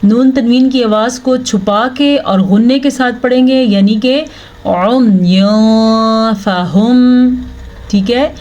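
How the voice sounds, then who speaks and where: A woman teaching Quran recitation rules step by step. She explains each rule patiently, checks in often, then chants the Arabic words slowly. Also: fairly high pitch, a little mellow, lo-fi sound. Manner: checks in with "thik hai" often. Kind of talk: slow, step-by-step tajweed lesson.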